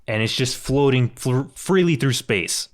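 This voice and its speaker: A man co-hosting a comedy podcast, pitching story ideas in a rambling, halting way. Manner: rambling, halting, thinks aloud. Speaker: podcast co-host. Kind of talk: casual comedic chat.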